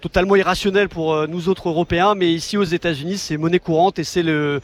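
A man's voice: high-pitched, fairly even intonation, fast talker. A man doing a live field report, talking off the cuff with many fillers and restarts.

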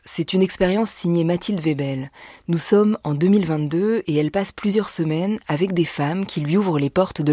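A woman with a very low, husky voice reads a scripted radio introduction. Her delivery is measured and lyrical, and she often pauses between short phrases. The sound is dry and close, with no room around it. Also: mellow, no echo. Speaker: radio documentary presenter.

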